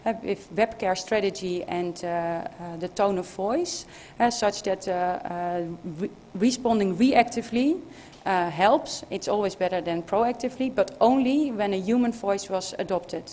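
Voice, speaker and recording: A woman's voice: mid-range voice, a little slow, warm tone, a little hiss or hum. A woman giving an academic conference presentation, hesitant, with many filler sounds and restarts. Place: conference room.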